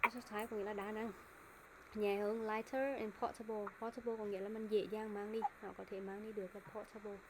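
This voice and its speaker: Woman, Vietnamese accent, speaking tutor, even tone, faint background hiss. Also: medium pitch, fast. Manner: explains words in Vietnamese, models answers. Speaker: IELTS speaking teacher. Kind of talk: online speaking class, correcting students.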